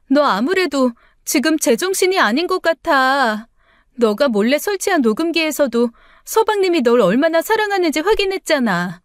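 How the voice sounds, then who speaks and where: A woman's voice: sits high, dry recording, clean studio sound, voice pushed up. A woman doing an anxious pleading sister-in-law. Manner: urgent pleading, placating.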